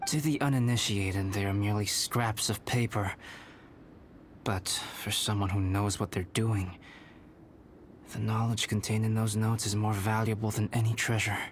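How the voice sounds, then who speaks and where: Albedo, a man playing a calm young alchemist. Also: on the low side, noisy background, close to an everyday voice. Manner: calm, measured, explanatory. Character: calm young male alchemist and painter, composed. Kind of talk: video game voice acting. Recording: game cutscene with background music.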